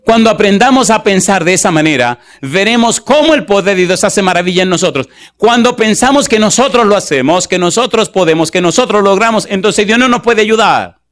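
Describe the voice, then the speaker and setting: A male pastor delivers a sermon in a fairly high voice. He stretches out scripture verses word by word and keeps asking the congregation questions to press his point. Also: expressive, a bit bright. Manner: asks the congregation rhetorical questions; slows to stress scripture verses.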